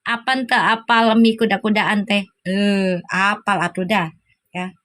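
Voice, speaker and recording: A woman's voice: medium pitch, fairly even intonation, a little slow, a bit bright. A middle-aged woman with a Sundanese-flavored Jakarta accent, hosting a live-stream and chatting with viewers in a teasing, laughing, playful way. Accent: Sundanese-flavored Jakarta Indonesian. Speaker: live-stream tarot host.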